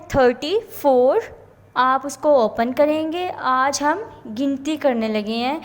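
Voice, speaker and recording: A woman teacher giving a slow online lesson for young children, spelling out each letter. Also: high voice, long reverb tail.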